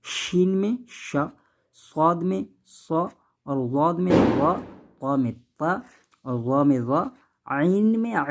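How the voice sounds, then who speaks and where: Patient man drilling letter sounds. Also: a little high. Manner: patient, repeats each sound, keeps asking "okay?"; drawn-out sounds, contrasting thin and thick letters. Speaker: Quran reading teacher. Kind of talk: teaching letter pronunciation.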